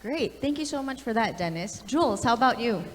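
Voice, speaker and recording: A woman's voice: fairly high pitch, animated, brisk, slight background noise. A woman moderating a conference panel in a chatty, friendly way, often saying "um" and "you know". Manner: chatty, friendly, many fillers. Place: conference stage. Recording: reverberant event hall.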